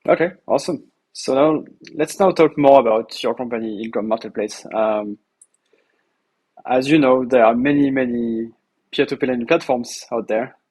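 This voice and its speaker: A man's voice: mid-range voice, moderate pace, a little mellow, husky, rough recording. A man hosting an interview, asking friendly, short questions with some fillers. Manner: friendly, brief prompts with fillers. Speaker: interviewer, host.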